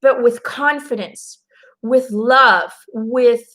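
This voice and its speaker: Taking it slowly in a sharp, highish voice, an intuitive card reader from Belgium, a native Dutch speaker, encourages her viewers through a casual, sincere reading. She uses plenty of fillers and restarts, and the recording is rough.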